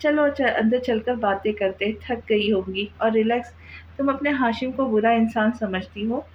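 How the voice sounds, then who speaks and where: A woman voicing a doting, gentle young husband in a storybook reading, tender and coaxing. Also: on the high side, normal speed, muffled recording, slight background noise, lightly acted.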